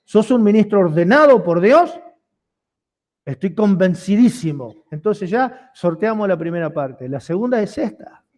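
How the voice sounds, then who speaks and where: A man's voice: sits high, lively intonation, measured pace, a little mellow. A man, a pastor preaching a sermon with repeated rhetorical questions and building intensity.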